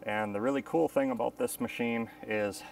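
A man's voice: medium pitch, steady tone, normal speed, vocal fry, a little mellow, slight background noise, rough recording. A man in his thirties, a locomotive mechanic, explaining repair work in a casual technical way with frequent ums, recorded on a lapel mic in a machine shop. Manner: matter-of-fact, technical, with frequent ums and uhs.

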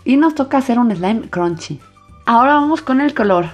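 A woman chatting excitedly to young viewers as the host of a casual craft vlog. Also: a little high, normal speed, faint music behind. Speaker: host of a children's slime channel. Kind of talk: casual craft vlog, explaining as she goes.

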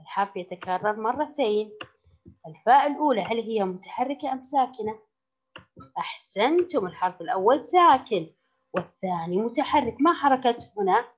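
A woman schoolteacher leads a slow, careful reading lesson for small children, repeating each word so they can follow. Her voice sits fairly high and moves a lot as she stresses the words. The recording is a bit muffled. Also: lively intonation, slightly rough. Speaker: primary school teacher. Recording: slightly dull lo-fi recording.

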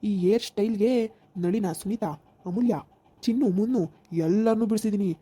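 A woman's voice: medium pitch, brisk, mellow, slightly rough, natural voice. A woman playing a cocky young village son who boasts and begs his mother for money in a comedy skit. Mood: swaggering. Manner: swaggering, boastful, wheedling for money.

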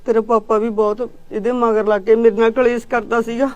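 A woman's voice: fairly high pitch, level tone, a little fast, dark tone, no echo, lo-fi sound, lightly acted. A woman playing a worried, tearful village mother. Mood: fearful. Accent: Punjabi. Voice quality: plaintive, fearful. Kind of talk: village drama acting.

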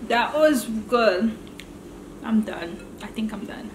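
A woman's voice: a little high, lively intonation, takes it slowly, noisy background. A woman hosting a mukbang video, chatting casually and rambling between bites of food. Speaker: mukbang channel host. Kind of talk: casual chat while eating on camera.

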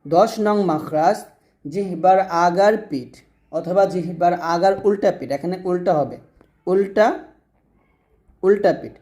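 A man's voice: sits high, warm tone. A man teaching Arabic letter pronunciation, patiently repeating each sound and prompting listeners to say it after him. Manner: patient, repetitive drilling with call-and-repeat prompts. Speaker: Quran recitation teacher.

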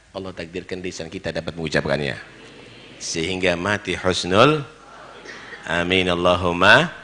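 A man preaching a dawn sermon, stressing his points with rhetorical questions and sudden loud exclamations, and chanting Arabic verses. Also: low-pitched, creaky.

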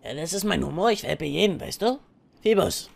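A man's voice: high voice, expressive, quick pace, gravelly, exaggerated voice. A man playing a brash, crude street hustler who teases everyone with vulgar jokes in a game roleplay. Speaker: roleplay streamer.

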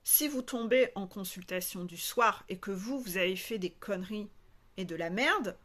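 A woman's voice: medium pitch, moderate pace, a bit bright. A woman spiritual coach talking frankly and animatedly to her viewers, acting out little scenes along the way. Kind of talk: casual monologue to viewers.

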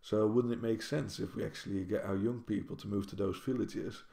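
Here a native Dutch speaker from the Netherlands, a university librarian, vlogs casually at home, wandering off track and restarting as he corrects himself. His voice is low-ish, warm and creaky, fairly quick, with fairly even intonation. Recorded in the kitchen on a built-in camera mic at desk distance, the sound is roomy and echoey.

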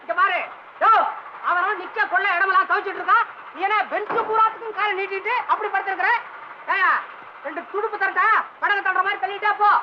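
A man's voice: very high-pitched, fairly even intonation, fast. An actor playing a pompous, ticketless young man on a train who mocks and scolds the other passengers and mixes in English, in 1960s film comedy style, on a dull old soundtrack with hiss. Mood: scolding.

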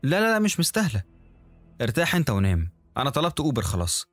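A man voicing a gentle, caring young wife with an Egyptian Arabic accent, lifting his voice higher and speaking softly. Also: huge pitch swings, rapid-fire, soft background music. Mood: tender. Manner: soft, affectionate, raised pitch.

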